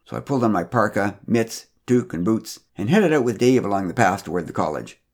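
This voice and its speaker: A man narrating a storytelling podcast in a gentle, wry manner. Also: on the low side, expressive, brisk.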